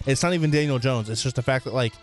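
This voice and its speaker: A man's voice: mid-range voice, racing, faint music behind. A man co-hosting a casual sports podcast, arguing his pick emphatically and saying "like" a lot. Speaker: podcast co-host.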